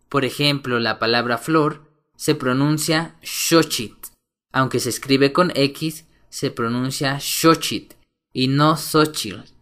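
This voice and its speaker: A man gives a language lesson in a slow, unhurried delivery and a middle-pitched voice. He spells out letters and sounds with care. Each word comes with a plain explanation. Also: a bit bright. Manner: slow, careful enunciation of vocabulary. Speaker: language teacher.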